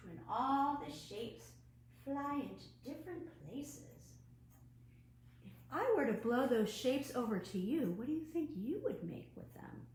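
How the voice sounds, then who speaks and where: In an echoey room at home with faint background noise, a woman with a rather high voice leads an online children's storytime as a librarian. She reads a story aloud and shows a craft, taking her time, staying lively, and regularly asking the kids watching questions.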